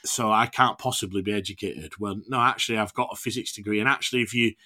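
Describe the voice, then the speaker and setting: Bright-voiced Yorkshire man in candid conversation. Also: lowish voice, quick pace. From Yorkshire, England. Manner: informal, reflective. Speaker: actor, podcast guest.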